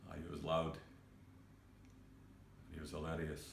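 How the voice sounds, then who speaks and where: Guy acting out a broken young cook, super low voice, stops n restarts a lot, echoey room. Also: completely flat delivery, vocal fry, slight background noise, heavily acted. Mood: subdued. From Scotland. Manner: hesitant, halting, many fillers and restarts. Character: grieving young male cook, halting and raw. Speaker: actor performing a monologue. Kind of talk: self-tape monologue.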